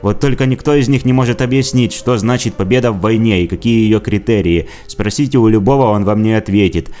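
A man's voice: fairly low pitch, a little fast, mellow. Sarcastic man narrating a commentary video. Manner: sarcastic, mocking. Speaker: video blogger. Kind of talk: scripted commentary.

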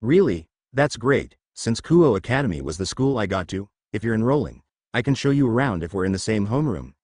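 A man's voice: on the low side, animated, moderate pace, dry recording, studio quality. A man voicing a young woman, a childhood friend, who stammers through sobs in a storybook reading. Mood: joyful.

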